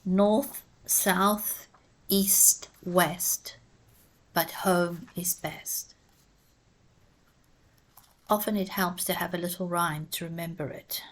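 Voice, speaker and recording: Slow, deliberate woman teaching vowels. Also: lowish voice, steady tone. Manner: spells words out letter by letter. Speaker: English teacher. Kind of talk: slow, careful pronunciation lesson.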